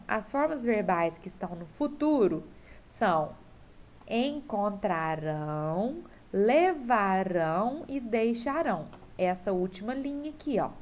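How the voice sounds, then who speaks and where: A woman teacher with a Brazilian Portuguese accent, recording from home as she patiently goes over a homework correction for her pupils and keeps checking that they follow. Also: medium pitch. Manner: patient, checks in often with a tag question.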